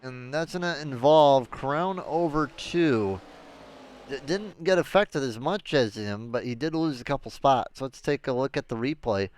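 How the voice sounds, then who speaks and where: A man giving live race commentary in a chatty, excitable way that turns analytical. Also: mid-range voice, a little slow, slight background noise. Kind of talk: live sim racing commentary.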